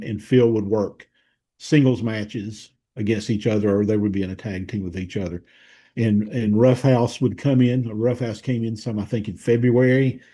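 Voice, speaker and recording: Mellow Southern man, husky voice. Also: medium pitch. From Tennessee. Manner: thoughtful, detailed recollection, pauses to search for words. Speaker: wrestling historian guest. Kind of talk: conversational podcast interview.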